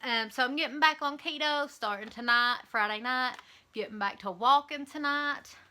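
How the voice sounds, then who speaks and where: Chatty Kentucky woman, bright voice. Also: sits high, moderate pace. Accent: Eastern Kentucky. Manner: chatty and candid, with frequent ums and likes. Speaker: vlogger. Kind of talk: casual chat to camera.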